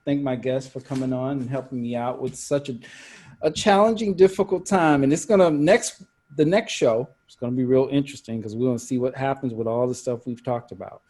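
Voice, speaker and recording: A man's voice: medium pitch, a little fast, mellow. A man hosting a talk radio show, chatting casually with guests, laughing often and repeating words.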